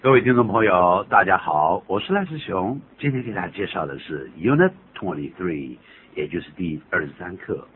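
A low-voiced man at a moderate pace hosts a radio English lesson, explaining phrases in a chatty, joking way. He's an English teacher and radio host who gets animated and laughs at his own examples, heard through tinny, phone-like radio audio with faint hiss.

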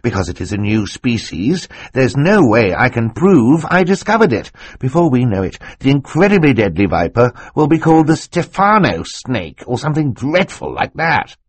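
A man voicing an excitable, fussy older male snake scientist in an audiobook, talking over others. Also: medium pitch, moderate pace, few pauses, slightly rough, no room sound, voice pushed up. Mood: excited. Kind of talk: audiobook character voice.

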